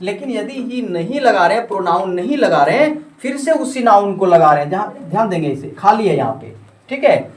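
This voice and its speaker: A man's voice: sits high, very animated, fairly quick, crowd noise. A man tutoring a classroom in English grammar. He keeps asking questions and leaves sentences unfinished for the students to complete. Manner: prompts the class to finish his sentences. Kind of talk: classroom lesson. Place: coaching classroom. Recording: roomy classroom from a distance. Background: students chattering and answering.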